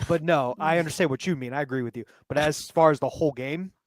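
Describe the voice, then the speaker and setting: A man co-hosting a casual football chat, animated, swearing casually and often repeating his phrases. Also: on the high side, fast, dry recording. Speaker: podcast co-host.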